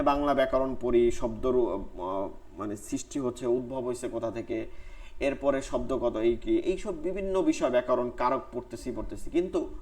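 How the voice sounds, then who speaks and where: A man's voice: medium pitch, darkish tone. A man teaching Quran recitation in an online class, drilling letter sounds syllable by syllable.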